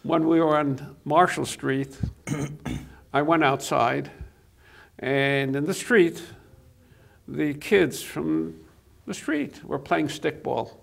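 Taking it slowly, an older man reminisces in a high-ish, gravelly voice with a fairly bright tone. He's from Poland, Yiddish being his first language, and appears as a guest in a TV studio interview on a lapel mic, speaking hesitantly with frequent fillers and restarts.

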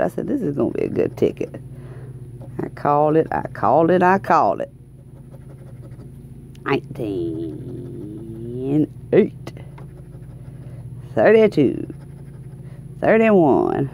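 A woman with a Southern US accent hosts a casual vlog in a lowish voice that swings dramatically up and down. She takes her time, sounding exuberant and folksy, and likes to repeat phrases for emphasis. There is a little room noise behind her. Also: wildly swooping pitch, slow pace, creaky, pauses often, darkish tone, muffled recording. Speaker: lottery scratch-off video host. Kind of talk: casual excited vlog chat. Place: indoors at a tabletop, hands-only shot.

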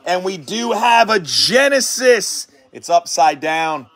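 A man hosting a card-break stream, calmly calling out cards and then shouting in hyped excitement at the big hits. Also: sits high, slow pace. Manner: hyped, shouting exclamations between calm card callouts.

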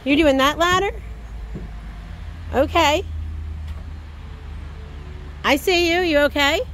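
A cheerful woman from Philadelphia filming a family vlog at an outdoor playground, excitedly coaxing her kids along. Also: high-pitched, takes it slowly, slight background noise. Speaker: mother filming a family outing. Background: music playing.

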